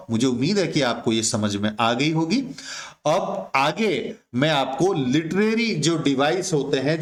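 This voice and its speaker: Male teacher, higher voice, unhurried, explaining step by step in an echoey room. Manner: slow, repetitive, addresses students as my dear friends. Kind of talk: explaining a poem to students.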